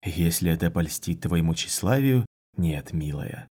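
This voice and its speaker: A man doing a low, smug male mage. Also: very animated, a little slow, a little mellow, breathy edge, full character voice. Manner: dry and mocking.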